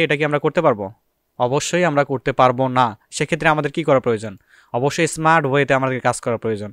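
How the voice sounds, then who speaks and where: A man's voice: a little high, fairly bright tone, no echo, clean studio sound. A man teaching a screen-recorded data entry tutorial, explaining step by step and answering his own questions.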